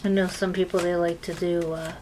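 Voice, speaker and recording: A woman's voice: lowish voice, little pitch movement, fairly quick. A woman giving a tarot reading, chatting casually with many fillers while she shuffles cards. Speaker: tarot reader. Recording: clear noise of card shuffling.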